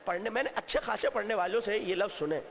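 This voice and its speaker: With a high, gravelly voice, this man preaches a fervent majlis sermon as a Shia cleric, addressing people seated before him in a mosque or hall. He poses questions to the audience and supplies the answers, his passion building into shouts at crucial points. The sound is tinny, like a phone, and carries a long reverb.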